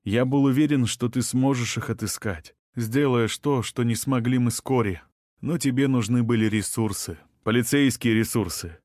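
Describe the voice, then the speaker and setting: A man reading an audiobook, voicing a wounded man who speaks with quiet, sorrowful calm. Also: mid-range voice, moderate pace, no echo, studio quality, natural voice. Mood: sad resolve.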